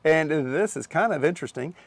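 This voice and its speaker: Camera shop owner, man, gravelly voice, slightly high pitch, dry close sound, rambling chat. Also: expressive, a little fast, no echo. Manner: rambling, repeats himself, restarts.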